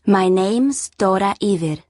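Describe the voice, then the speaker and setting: A woman's voice: medium pitch, unhurried, darkish tone, no echo, studio quality. A woman in her thirties reading a scripted self-introduction for an English lesson. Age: 30s.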